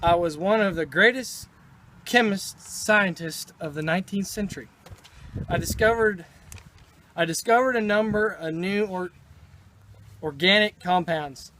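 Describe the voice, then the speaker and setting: A man's voice: high-pitched, measured pace, pauses often, sharp tone, slight background noise, rough recording. A man playing a proud 19th-century chemist for a school project, reciting his life story plainly. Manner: recited, plain self-introduction. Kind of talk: school project role-play.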